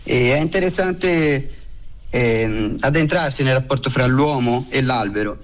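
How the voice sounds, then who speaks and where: A man's voice comes through a phone line as he explains his subject to a radio host. He speaks in a steady, methodical way and lays out his points one after another. His pitch sits right in the middle for a man. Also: a little slow. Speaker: expert guest on a radio show. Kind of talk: calm informative explanation.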